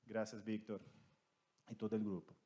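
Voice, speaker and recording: A man's voice: on the low side, level tone, mellow. Brazilian man speaking Portuguese-tinged Spanish. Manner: Spanish mixed with Portuguese, careful and deliberate. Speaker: petrochemical company representative, panelist. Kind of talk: prepared remarks at a conference panel.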